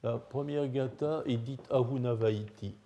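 A man's voice: medium pitch, unhurried, gravelly, dark tone, a little hiss or hum. An older man lecturing to an audience in French, hesitant, with frequent filler sounds. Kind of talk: academic lecture.

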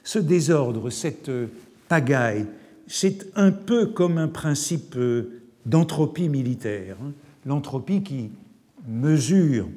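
A man delivers a university-style lecture, unhurried and reflective, pausing on asides as he comments on passages he reads aloud. His voice is dark and mellow. The sound carries a long reverb from a large hall. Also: mid-range voice. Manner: measured, reflective, with hesitations and asides. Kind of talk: academic lecture reading from wartime texts.

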